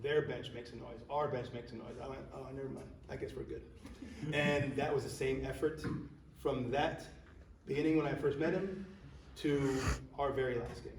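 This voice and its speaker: Coach telling stories in an echoey hall. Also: male voice, medium pitch, fairly even intonation, normal speed, slight background noise. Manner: storytelling, acts out quotes. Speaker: high school soccer coach. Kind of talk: banquet award speech. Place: banquet hall. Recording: echoey hall, speaker far from mic.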